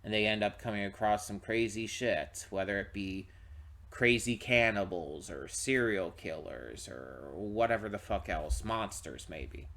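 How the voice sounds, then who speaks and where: A man's voice: lowish voice, a little slow, a bit bright. A man hosting a reaction channel, talking casually and rambling with frequent restarts while tired and yawning. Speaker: channel host. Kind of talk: casual pre-reaction talk to camera.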